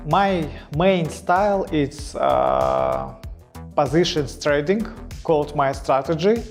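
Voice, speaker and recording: A man, a trader introducing himself in slow, hesitant English full of fillers. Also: a little high, very animated, faint music behind. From Kazakhstan. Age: 30s. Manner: slow, hesitant, many fillers and broken phrasing. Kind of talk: self-introduction in halting non-native English.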